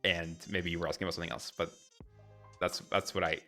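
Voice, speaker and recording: A man's voice: low voice, level tone, fast talker, sharp tone, faint music behind. A young man from Ecuador chatting candidly on a live stream, rambling and correcting himself as he answers viewers. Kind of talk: casual live-stream chat.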